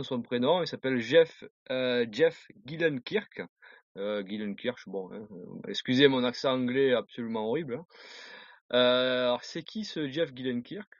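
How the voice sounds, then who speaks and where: A man co-hosting a casual talk show, speaking in halting bursts full of filler pauses and restarts. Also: mid-range voice, no echo, highs cut off. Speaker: co-host of an online talk show. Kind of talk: casual chat.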